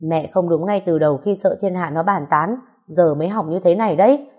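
A woman's voice: lowish voice, fairly quick, darkish tone, breathy edge. A woman reading the part of a weary, tearful elderly mother, pleading and complaining. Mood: defensive.

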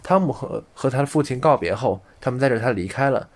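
Male audiobook narrator, mid pitch, measured fairy-tale reading. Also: lively intonation. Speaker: audiobook reader.

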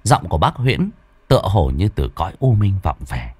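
Expressive man telling a ghost story. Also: low-pitched, normal speed, breathy edge, no echo. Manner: expressive, dramatic.

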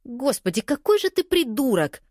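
A woman reading an audiobook, voicing a blunt, protective young woman friend who shouts sharp, scornful lines. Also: medium pitch, sing-song, a little slow, dry recording, studio quality, pitched above the performer's own voice.

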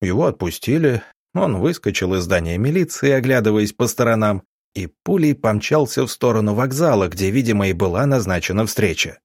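A man narrating an audiobook as expressive scripted storytelling. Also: on the low side, a little fast, no room sound, studio quality.

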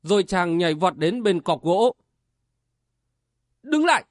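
A man's voice: sits high, normal speed, dry recording, studio quality. A man narrating a martial-arts novel as an audiobook with vivid, dramatic storytelling.

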